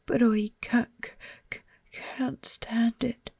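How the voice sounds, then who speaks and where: A woman voicing a big soft-hearted man who is tearful and stammering, in whispered role-play. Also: fairly high pitch, level tone, slow, vocal fry, slightly rough, dry recording, clean studio sound, pitched above the performer's own voice, heavily acted. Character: huge tearful male half-giant, soft-hearted.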